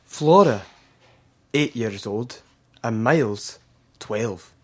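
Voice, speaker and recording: A man voicing an old gardener who tells a ghost story in a grave, slow voice, in a storybook reading. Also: medium pitch, expressive, breathy edge, pitched above the performer's own voice, heavily acted. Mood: ominous.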